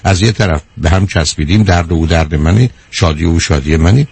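Male call-in advice host, deep, rough-textured, blunt and lecturing. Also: darkish tone. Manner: lecturing, frequent rhetorical questions; blunt, calls the caller "dear". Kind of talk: call-in counseling.

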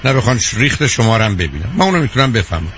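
Male call-in advice host, lowish voice, frank and direct, faint hiss behind. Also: big pitch swings, a bit bright.

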